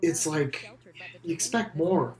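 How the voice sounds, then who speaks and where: A man's voice: on the high side, lively intonation, takes it slowly, darkish tone, roomy sound. A man hosting a casual game discussion, speaking candidly and bluntly and swearing freely. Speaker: channel host.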